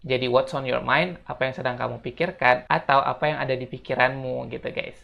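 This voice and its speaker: Chill teacher voice, gravelly, slows down to demo phrases, keeps saying gitu guys. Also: medium pitch, fairly even intonation, fairly bright tone. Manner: slows down to model English phrases; repeats "gitu, guys" often. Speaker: English teacher. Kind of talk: casual explanatory lesson.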